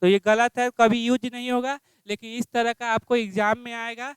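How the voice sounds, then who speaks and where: A man's voice: extremely high pitch, little pitch movement, normal speed, smooth, no echo. A male English teacher teaching grammar. He quizzes his class with repeated questions and spells out phrases word by word.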